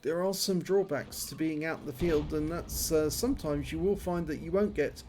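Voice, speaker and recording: A man's voice: a little high, normal speed, a little mellow, slight background noise. A man giving running commentary on a video game, his speech slightly impeded by a numb, toothache-swollen jaw. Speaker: gameplay commentator.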